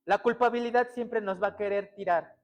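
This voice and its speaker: A pastor delivers a sermon in a strikingly high voice. He fires rhetorical questions at the congregation and answers them himself. His delivery swings between loud, urgent emphasis and quiet, close passages. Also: fairly even intonation, moderate pace.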